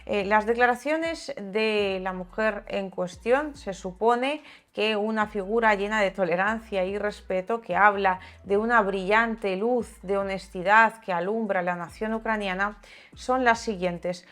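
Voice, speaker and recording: A woman hosting a video channel delivers opinionated, sarcastic political commentary to her viewers, speaking conversationally and sometimes reading aloud. Her mid-range voice is a bit bright and her pace is measured.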